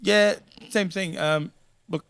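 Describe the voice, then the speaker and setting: A man's voice: high voice, steady tone, takes it slowly, a bit bright, clean tone, dry recording. A man with a New Zealand accent chats as an interview guest. He is easygoing and keeps checking in with short tag questions. The recording is dry. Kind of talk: casual chat.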